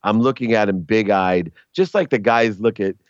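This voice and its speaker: A middle-aged man with a fairly low voice tells stories as a sports agent guest. He is animated, swinging up high whenever he quotes someone. The recording is dry and a bit dull and lo-fi. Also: normal speed, no room sound. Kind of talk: casual storytelling.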